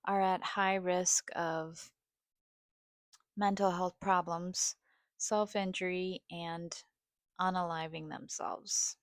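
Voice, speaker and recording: A woman speaks slowly in a slightly low voice with vocal fry that can turn scratchy. She is halting and hesitant, pausing often as she rambles through a personal vlog. The sound is close and dry. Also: no echo. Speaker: video host. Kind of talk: rambling personal vlog, partly reading a study aloud.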